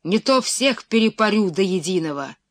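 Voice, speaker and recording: A woman reading the lines of an imperious, hot-tempered prince who shouts commands in a booming voice. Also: unhurried, no echo, studio quality. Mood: shouting orders.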